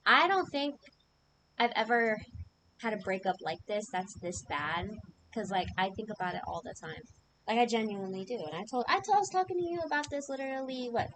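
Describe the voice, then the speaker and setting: A woman co-hosting a podcast, chatting casually and telling animated stories with plenty of swearing. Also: fairly high pitch, fairly quick, noisy background. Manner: animated storytelling, frequent swearing. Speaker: podcast co-host. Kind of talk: casual chat.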